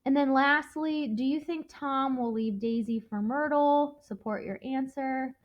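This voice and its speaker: A woman's voice: high-pitched, measured pace. A woman teacher going over a novel with her students, chatty, checking in with "okay?" again and again. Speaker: English teacher. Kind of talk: recorded classroom lesson review. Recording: dull lo-fi audio.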